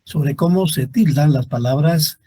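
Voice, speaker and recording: A male teacher giving a classroom grammar lecture, reading out example words slowly and deliberately and speaking directly to his students. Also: a little high, warm tone, slightly rough.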